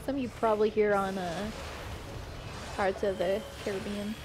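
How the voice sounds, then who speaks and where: A woman's voice: mid-range voice, level tone, moderate pace, noisy background. Giggly woman chatting while gaming. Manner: giggly, laughs often. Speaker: guest streamer. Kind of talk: casual stream chat while gaming.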